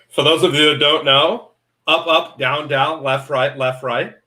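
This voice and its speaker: A man's voice: fairly high pitch, flat delivery, slow, pushed and bright. A man from the Boston area co-hosting a casual live-stream chat, playful and joking. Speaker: co-host.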